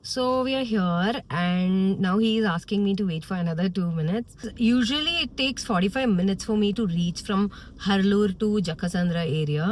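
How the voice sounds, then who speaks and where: A woman's voice: medium pitch, drawn-out words, few pauses. A woman with a Malayali accent giving casual, unscripted vlog chat, switching between English and Malayalam. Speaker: vlogger. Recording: faint vehicle and street noise.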